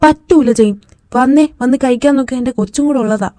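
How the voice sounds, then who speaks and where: A woman's voice: high-pitched, quick pace, mellow, lightly acted. A woman playing a protective young husband. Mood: coaxing. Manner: pleading, tender. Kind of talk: fan audio drama.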